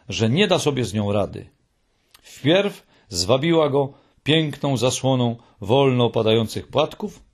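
A man narrating a children's storybook in a slow, calm, husky voice. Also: medium pitch. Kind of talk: audiobook narration.

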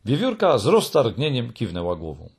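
A man narrating a children's tale in an expressive, dramatic way. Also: mid-range voice, moderate pace, creaky, breathy edge.

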